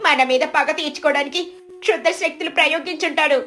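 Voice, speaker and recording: A woman voicing a spiteful, suspicious village wife in an animated storybook, shrill and accusing. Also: fairly quick, soft background music.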